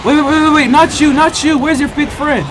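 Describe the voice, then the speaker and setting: A young American man giving excitable, trash-talking commentary while he plays a video game. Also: very high voice, a little fast, a little hiss or hum. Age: young adult. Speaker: gaming video host. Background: game music and sounds.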